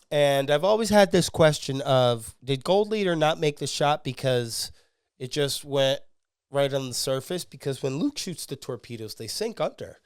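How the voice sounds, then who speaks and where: A man hosting a podcast, giving excitable, swearing fan commentary with lots of fillers. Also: fairly high pitch, clean tone, no room sound, studio quality. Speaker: podcast host.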